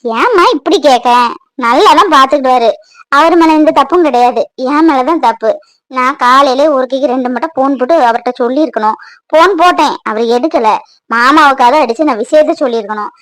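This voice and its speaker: A woman's voice: sits high, fairly quick, dry recording. Woman voicing a pleading young mother. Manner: pleading, soft and emotional. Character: young married mother, tender and worried.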